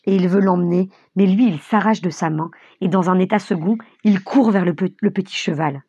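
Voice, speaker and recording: A woman narrating a novel aloud as an audiobook, with vivid, expressive storytelling and a husky voice. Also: on the low side, fairly quick, no room sound, dull audio.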